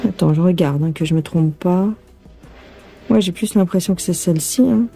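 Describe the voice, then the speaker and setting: Her phone films her hands as she works through a relaxed embroidery lesson, chatting with the viewer and thinking out loud. Her voice sits low and sounds warm, husky and creaky, moving at a normal speed. Faint music plays in the background.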